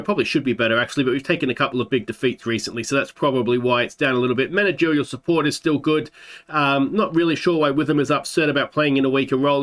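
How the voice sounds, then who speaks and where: An Australian YouTuber in his thirties, his voice a little high and a bit bright, chats through a football management game for let's play commentary. He has a slight sore throat, uses a desk mic, and fills his out-loud thinking with fillers.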